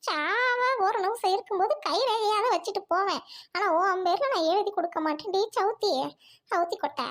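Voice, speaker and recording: A woman's voice: fairly quick, fairly bright tone. A woman voicing a foul-mouthed, scolding old mother-in-law in a family drama. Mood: mocking. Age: older. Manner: shrill, scolding, cackling insults. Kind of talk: family radio-play acting.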